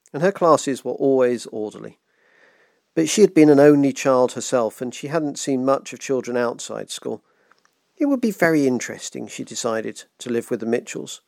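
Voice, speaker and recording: A man hosting a virtual book club, reading a children's novel aloud in a gentle, measured way. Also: mid-range voice, animated, creaky, dry recording, studio quality. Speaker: book club host and reader.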